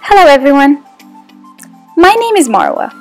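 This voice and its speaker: High-voiced young woman narrating a video. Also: sing-song, moderate pace, music in the background. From Morocco. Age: young adult. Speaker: student presenter.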